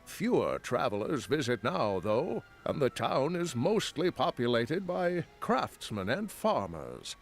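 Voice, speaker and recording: A male chronicler from a fantasy game narrates scripted lore. His mid-pitched voice rises and falls expressively. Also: sing-song, slow, soft background music. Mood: storytelling.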